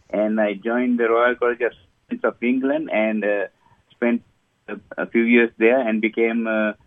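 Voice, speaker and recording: Older male guest from Sri Lanka, halting delivery, dry tinny phone sound. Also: lowish voice, no room sound. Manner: hesitant, many fillers. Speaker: guest surgeon. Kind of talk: interview answers.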